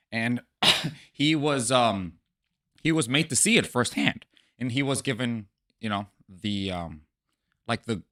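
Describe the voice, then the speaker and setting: A man's voice: on the low side, a bit bright. A man giving his thoughts on a casual podcast, rambling and hesitant as he searches for words. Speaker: podcast guest.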